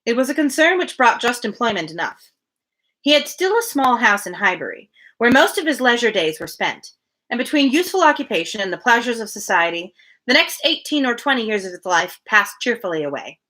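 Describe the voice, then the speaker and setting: Hosting her daily live book reading, a woman reads a classic novel in a slightly high, bright, forceful voice. She is very animated and a little fast, sometimes breaking into casual remarks.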